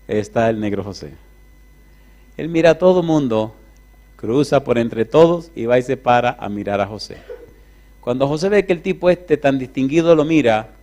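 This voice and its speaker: A male preacher telling a long story from the pulpit. His voice sits at an ordinary pitch, and he drags out key words and turns to the listeners with asides. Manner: animated, drawn-out storytelling with asides to the audience. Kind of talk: sermon storytelling.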